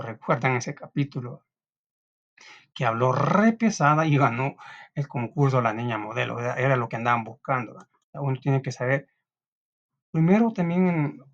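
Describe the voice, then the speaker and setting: A man with a Salvadoran Spanish accent who teaches a class, reading from a text aloud and often checking in with his students. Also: medium pitch. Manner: reads aloud, with frequent tag questions and restarts. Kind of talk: recorded classroom lesson. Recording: dull lo-fi recording.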